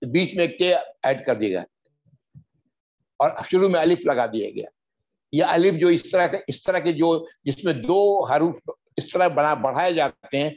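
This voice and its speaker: A man teaching Quranic Arabic grammar word by word, drawing out each Arabic word slowly and then explaining it quickly. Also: a little high, muffled recording. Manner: drawn-out recitation of Arabic words between quick explanations. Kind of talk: word-by-word grammar lesson in Urdu.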